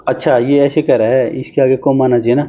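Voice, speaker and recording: A man teaching exam-prep math, talking his way briskly through each problem in a chatty, informal way. His voice sits at a middle pitch. The recording is a little dull and lo-fi. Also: little pitch movement. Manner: brisk, chatty, talks while solving on screen.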